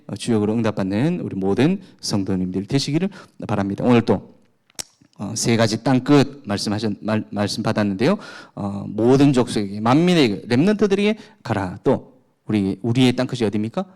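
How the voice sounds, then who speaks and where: A man's voice: medium pitch, darkish tone. A man preaching a sermon as pastor. He fires off rhetorical questions with emphatic rises and drops in chatty asides about his home life.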